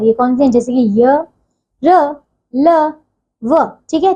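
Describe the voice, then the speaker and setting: A woman teaching a grammar lesson to children, slowing down to spell out each sound and checking in again and again. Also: high-pitched, dark tone. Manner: repeats "ठीक है" as a check-in, slows to spell out sounds. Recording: dull lo-fi audio.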